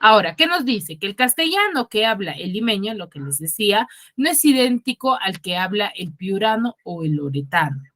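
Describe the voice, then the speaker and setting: A woman's voice: medium pitch, very animated, moderate pace, fairly bright tone. A woman teacher with a Huaraz Peruvian accent, giving an online class over a video call. She keeps checking in with her students through tag questions and calls on them by name. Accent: Peruvian Spanish from Huaraz. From Peru. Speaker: secondary school teacher.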